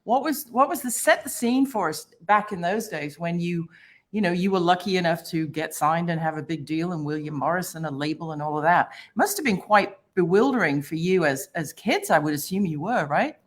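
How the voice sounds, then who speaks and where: A woman's voice: lowish voice, brisk. A woman hosting a casual interview, asking questions in an enthusiastic way. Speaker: interview host.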